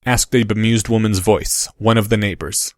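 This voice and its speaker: Steady male audiobook narrator. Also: fairly low pitch, no room sound. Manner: steady, measured reading.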